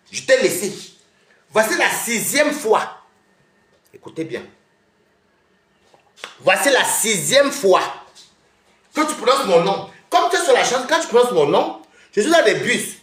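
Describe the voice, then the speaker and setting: A woman's voice: medium pitch, echoey room. A woman streaming live from home, scolding and calling out a rival, often laughing mockingly. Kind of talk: heated live-stream rant.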